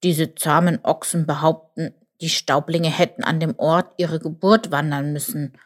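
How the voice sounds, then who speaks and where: Woman playing a slow, grumbling, forgetful old buffalo for a storybook, lowish voice. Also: fairly even intonation. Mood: grumbly.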